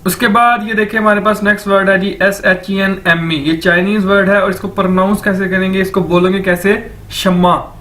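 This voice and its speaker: A man teaching a recorded lecture, saying each word slowly and over and over for learners. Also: high-pitched, fairly even intonation, sharp tone. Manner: repeats words slowly for learners. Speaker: language teacher.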